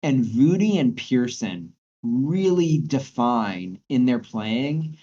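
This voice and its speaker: A man's voice: medium pitch, big pitch swings, takes it slowly, dark tone, highs cut off. A man co-hosting a podcast, chatting casually about music with frequent restarts and repeated words. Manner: hesitant, repeats words while thinking. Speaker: podcast co-host.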